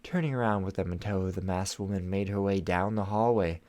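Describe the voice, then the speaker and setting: A man's voice: sits low, fairly quick, a little mellow. A man hosting his channel, reading fan fiction aloud and dropping in dry, joking asides. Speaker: channel host and reader.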